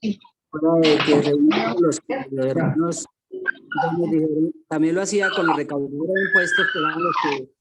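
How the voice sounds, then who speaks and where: High-ish man over loud noise. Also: normal speed. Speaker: student. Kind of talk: class contribution over a call.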